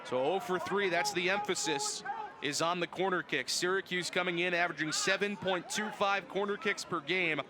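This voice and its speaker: Here a high-pitched young man, early twenties, announces live sports at a normal pace over a noisy background. He works as a play-by-play announcer and host, handling show openings with a polished, emphatic style.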